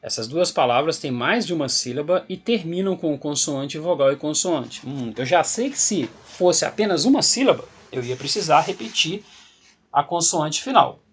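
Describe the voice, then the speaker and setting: A man's voice: a little high, expressive, normal speed, breathy edge. A man teaching English grammar in a video lesson, speaking with a Brazilian Portuguese accent, patiently explaining step by step and repeating the rules.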